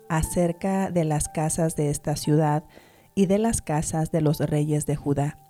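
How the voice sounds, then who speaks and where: Female scripture reader, low voice, measured delivery. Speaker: Bible reader. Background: soft background music.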